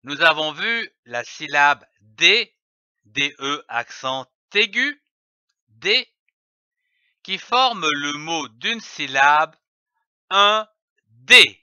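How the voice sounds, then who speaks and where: A man giving a reading lesson, slowly spelling out letters and syllables with careful articulation. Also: on the high side, expressive, bright, forceful tone, clear, resonant tone, no echo. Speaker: reading teacher. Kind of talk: slow, deliberate phonics lesson. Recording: dull, dry lo-fi voice-over.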